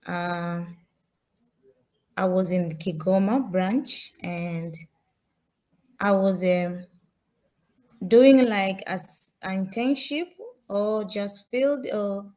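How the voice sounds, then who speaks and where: A young Tanzanian woman walks through her slides slowly and without hurry, like a student giving a talk, in a dark, mid-pitched voice. Her delivery is halting and full of fillers, with frequent pauses and restarted sentences, and she is speaking something other than English.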